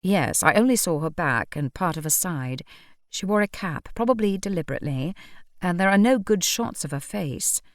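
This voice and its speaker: A suave male vampire who speaks with dry, deadpan irony in a low, even voice, as a woman reads him. His lines come close and dry, with no room around them. He stays calm and unhurried throughout. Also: dry recording, close to an everyday voice.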